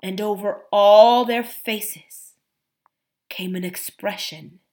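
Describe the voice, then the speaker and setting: A woman reading a children's story aloud in an expressive, unhurried way. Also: mid-range voice. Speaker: audiobook reader.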